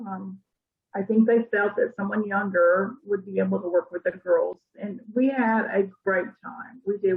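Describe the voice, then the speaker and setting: Gravelly woman on a tinny line. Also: mid-range voice. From Arkansas. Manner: thoughtful, unhurried storytelling. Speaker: interviewee, church member. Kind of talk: casual storytelling interview.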